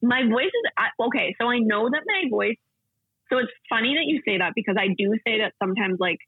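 A young woman co-hosting a podcast, chatting casually with a slightly gravelly voice and lots of fillers. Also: on the high side, expressive, a little fast, no room sound. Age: young adult. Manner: chatty, laughs often, many fillers. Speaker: podcast co-host. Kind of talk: casual chat. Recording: tinny phone-like sound.

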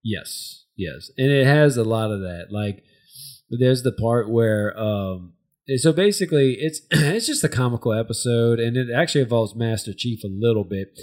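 A man's voice: medium pitch, expressive, normal speed, a little mellow. An American man hosting a casual discussion, recapping in a rambling, hesitant way as he searches for words. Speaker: podcast host.

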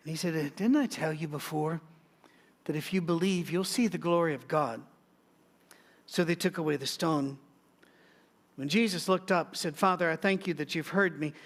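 A man's voice: fairly high pitch, normal speed, long pauses, a bit bright. A middle-aged man preaching a sermon, telling stories and slipping in joking asides as he goes through scripture. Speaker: pastor.

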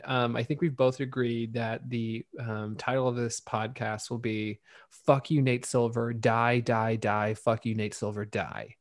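Gravelly, profane man. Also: medium pitch, no room sound, clean studio sound. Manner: profane, sarcastic, rambling. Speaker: podcast co-host. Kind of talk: casual political chat.

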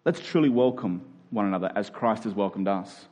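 A church pastor with an Australian accent gives a sermon in a somewhat low, slightly mellow voice, brisk and lively in intonation. His delivery is earnest and conversational, with frequent questions aimed at the listeners.

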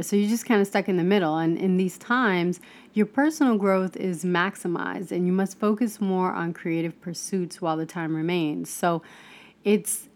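Low-voiced woman giving a casual spiritual talk. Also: darkish tone. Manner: conversational, with many fillers and restarts. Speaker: spiritual self-help speaker.

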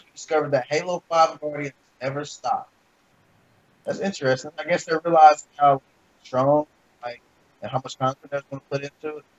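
A man with a slightly high voice calls in to a casual gaming podcast, blunt and dismissive in his delivery. His audio comes through quiet and choppy, breaking up over a dull lo-fi call line. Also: no room sound. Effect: remote call audio that is quiet and breaking up. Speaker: podcast co-host reading gaming news.

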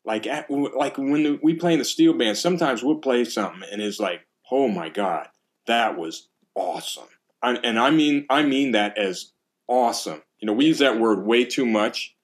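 A middle-aged man in relaxed conversation, his voice in an ordinary middle pitch. He tells stories with energy and acts out excited exclamations along the way. His delivery is loose and conversational. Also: moderate pace. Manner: animated storytelling, acts out exclamations. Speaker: percussion teacher. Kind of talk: casual conversation.

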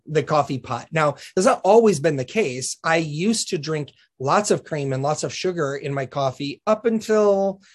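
Relaxed joking man, podcast guest. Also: fairly high pitch. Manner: relaxed and joking, with frequent uh and um fillers. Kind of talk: casual podcast chat.

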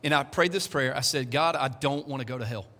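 A man in his 40s, the pastor, preaches at a medium pitch, a little fast and with a sharp edge to his tone. He keeps the sermon informal, joking with his congregation as he goes. The church hall gives the audio an echoey quality.

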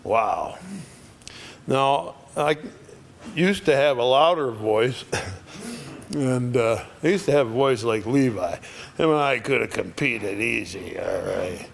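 Older male preacher, unhurried delivery, plain sermon voice, acts out quotes. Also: medium pitch, vocal fry. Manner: slow, conversational preaching with dramatic quoted voices.

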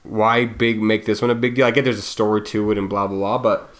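Low-voiced man in easygoing chat. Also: fairly even intonation, fairly quick. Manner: musing, trails off and restarts. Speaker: podcast co-host. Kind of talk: casual chat.

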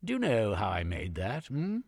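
A man voicing an eccentric, excitable older gentleman scientist with a fussy, musing manner. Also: on the low side, normal speed, slightly rough, voice pushed up, heavily acted. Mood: gleeful scheming.

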